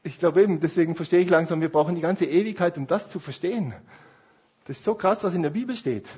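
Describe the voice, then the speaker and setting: A man preaching a sermon as pastor, passionate, swinging between hushed and emphatic delivery. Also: on the high side, fast talker, breathy edge, muffled recording.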